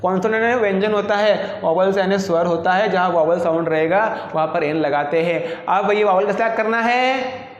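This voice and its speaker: A man's voice: high voice, moderate pace, lo-fi sound. A man teaching an exam-prep English lesson, talking in a chatty way and repeating his questions back to the class. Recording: echoey room with long reverb.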